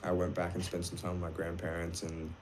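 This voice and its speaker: Low-voiced young man, Australian accent. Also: monotone, fairly quick, slight background noise. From Wales. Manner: rambling, restarts a lot, says um often. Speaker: music producer guest. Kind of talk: casual chat.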